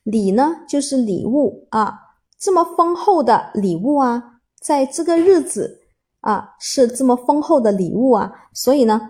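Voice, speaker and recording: A woman's voice: high voice, lively intonation, unhurried, warm tone, slightly rough. A woman teaching an English vocabulary word, explaining patiently, spelling letters out and repeating herself with many fillers. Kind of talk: explaining a word step by step to learners.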